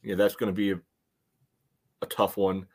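On a casual sports podcast, a male co-host chats about soccer analysis in a hesitant, padded way, repeatedly saying "you know." His voice is low-pitched and level, at a moderate pace.

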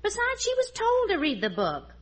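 High, lively exasperated radio housewife, Peg. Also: female voice, moderate pace, heavily acted. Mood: patient, reproving. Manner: exasperated, expressive. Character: exasperated, sensible middle-aged housewife and mother. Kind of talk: 1940s radio comedy acting. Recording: noisy old radio broadcast recording.

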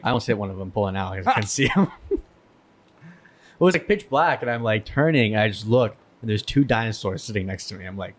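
A man hosting a podcast, chatting casually and joking with relaxed banter. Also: fairly low pitch, fairly quick. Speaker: podcast host. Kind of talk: casual chat.

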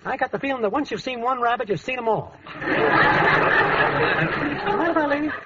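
An actor playing a lazy, smooth-talking cheapskate boyfriend who wisecracks in slang, in a 1940s radio comedy. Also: male voice, very high-pitched, normal speed, heavy background noise. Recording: muffled old radio broadcast.

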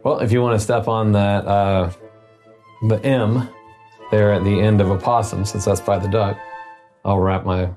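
A man with a low voice plays a tabletop game and reasons through a puzzle out loud. He plans one step at a time in a calm, conversational way. Faint music sits in the background. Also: normal speed, long pauses. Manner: thinks aloud, plans step by step. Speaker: player.

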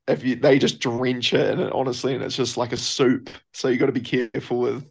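A man's voice: medium pitch, level tone, fairly quick, vocal fry, darkish tone, husky. A young man with a New Zealand accent, a professional rugby player answering interview questions in a loose, laid-back way. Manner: laid-back, loose, lots of filler phrases.

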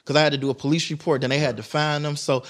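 A man from Detroit telling a wild story as a podcast guest, in a rapid, excitable, slangy way. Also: on the high side. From Detroit, USA. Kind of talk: animated storytelling.

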